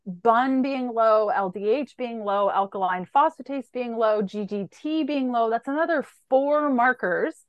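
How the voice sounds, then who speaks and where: A woman's voice: on the high side, no echo, lo-fi sound. A woman, a holistic nutritionist being interviewed, who explains at length and lists lab markers one after another in a methodical way.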